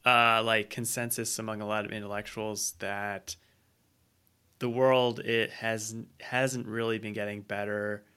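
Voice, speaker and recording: A man's voice: fairly low pitch, little pitch movement, unhurried, bright, forceful tone, clear, resonant tone. A man who is a researcher, a guest on a podcast, speaking casually with hesitant, stammering starts. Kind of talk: casual conversation.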